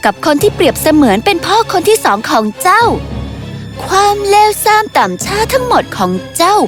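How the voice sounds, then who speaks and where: A woman voicing a stern female fairy of truth who pronounces judgment slowly and solemnly, in a storybook tale. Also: very high-pitched, big pitch swings, soft background music, pitched above the performer's own voice.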